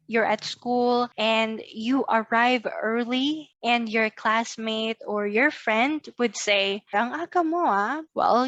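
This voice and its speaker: A woman with a slightly high voice teaches slowly and patiently, drilling phrases with repeat-after-me prompts. The recording is dry, with a dull, lo-fi sound. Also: a bit bright, no echo. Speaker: language teacher. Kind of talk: scripted language lesson.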